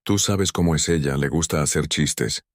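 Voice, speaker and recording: A man's voice: rumbling low, moderate pace, no echo, studio quality. A man voicing a dismissive grown son. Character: defensive adult son, dismissive.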